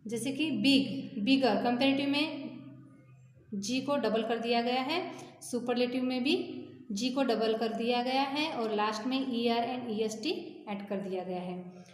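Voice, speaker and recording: A woman teacher with a Hindi accent walks young students through a grammar lesson, speaking very slowly and deliberately. Her voice sits a little high. It rings in a roomy space with a long reverb tail. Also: a little hiss or hum. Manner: slow, careful explanation, repeating rules and reading word lists. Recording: echoey room with long reverb.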